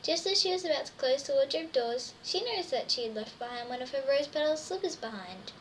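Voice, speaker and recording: A woman reads aloud to kids in a high voice, talking fast with lively intonation and sounding full of wonder and excitement. The mic is distant, and there's faint noise behind her.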